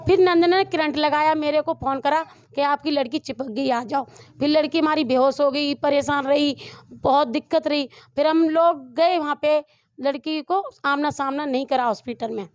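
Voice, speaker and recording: A middle-aged mother whose daughter suffered dowry abuse gives a street interview to a reporter, her emotional account rambling and frequently restarting mid-sentence. Her voice is high-pitched at a normal speed, captured in a dry, studio-quality recording.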